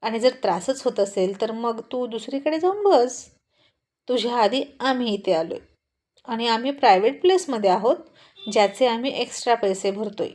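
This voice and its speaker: A self-assured wealthy man who teases his wife fondly and stays calm and firm with strangers, as a woman storyteller reads his lines. The voice is a woman's own, somewhat high, with no deep male tone put on, as in a spoken storybook. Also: normal speed. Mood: confident. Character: confident rich man, loving husband, calm but firm.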